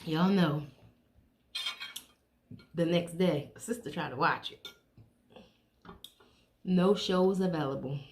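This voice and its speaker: A middle-aged woman chatting casually to viewers while she eats, chewing as she talks and pausing between bites. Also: sits low, background noise. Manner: chewing while talking, with pauses to eat. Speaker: mukbang vlogger.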